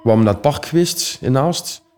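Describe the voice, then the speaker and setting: A young man with a Flemish accent tells personal stories in a loose, rambling, streetwise way, dotted with fillers. His voice is dark and mellow, with faint music underneath. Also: medium pitch, animated, brisk, smooth. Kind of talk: casual personal storytelling.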